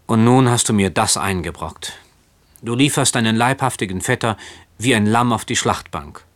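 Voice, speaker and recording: A man's voice: fairly low pitch, normal speed, a bit bright, dry recording, lightly acted. A man reading aloud voices a timid young man who pleads and whines. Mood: whining. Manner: pleading, whining. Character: timid, whining young man, a fearful cousin.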